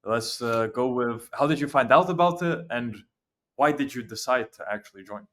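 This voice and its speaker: Male interviewer, mid-pitched voice, short plain prompts. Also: normal speed, a bit bright. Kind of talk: interview questions.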